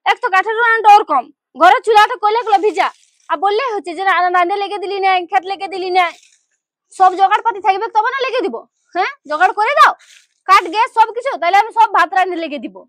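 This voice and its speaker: A woman's voice: extremely high pitch, fast talker, fairly bright tone, no room sound. An actress playing a young, town-raised daughter-in-law with a Purulia Bengali accent, who whines and pushes back against her in-laws. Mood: complaining. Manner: whiny, complaining, defiant. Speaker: actor in a village drama.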